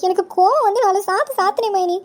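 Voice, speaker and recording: A woman voicing a bossy, whiny young wife in a cartoon comedy, pleading in a shrill, whining way. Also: fast talker. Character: bossy, whiny young wife who beats her husband. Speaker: visiting sister-in-law.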